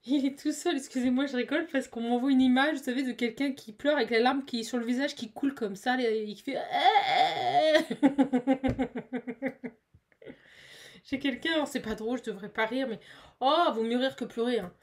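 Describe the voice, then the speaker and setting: A woman giving a casual, chatty tarot card reading, animated and full of fillers. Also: high-pitched, quick pace.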